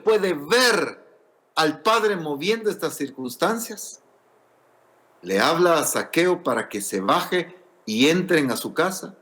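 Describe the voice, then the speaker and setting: Lively preacher man. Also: medium pitch. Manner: earnest, explanatory preaching with rhetorical questions. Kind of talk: sermon. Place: church.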